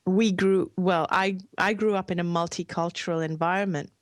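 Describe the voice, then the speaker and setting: Earnest low-voiced woman guest, dry sound. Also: fairly even intonation, normal speed, no echo. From Hong Kong. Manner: earnest, heartfelt, softly emphatic. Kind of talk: reflective interview storytelling.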